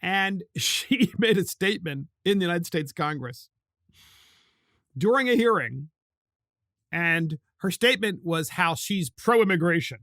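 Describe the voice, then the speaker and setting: A man's voice: high-pitched, animated, a little slow, fairly bright tone, no echo, clean studio sound. A man hosting a political commentary podcast, talking emphatically with indignant, sarcastic asides. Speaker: podcast host.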